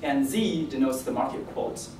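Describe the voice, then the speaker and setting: Hesitant young man in an echoey room. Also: mid-range voice. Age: young adult. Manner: halting, hesitant delivery with repeated words. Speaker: PhD candidate presenting. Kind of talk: academic presentation. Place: indoor seminar room. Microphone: distant camera microphone. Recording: echoey room, distant mic, faint noise.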